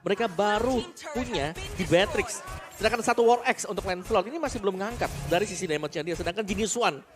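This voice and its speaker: A man's voice: high voice, fast. An Indonesian man giving analytical commentary as an esports caster. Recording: music behind the voice. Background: music.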